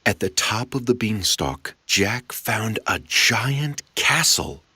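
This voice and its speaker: An expressive storyteller reading a fairy tale aloud, pausing for drama. The delivery is unhurried with a very lively pitch, recorded close and dry. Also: breathy edge, dry recording.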